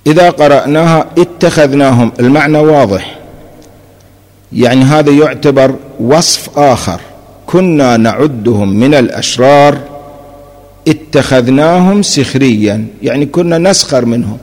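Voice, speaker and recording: A man's voice: mid-range voice, moderate pace, darkish tone. A man giving a Quranic commentary lecture as a religious scholar, explaining point by point and mixing classical and colloquial speech, pressing key points with rising emphasis. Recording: long hall reverb.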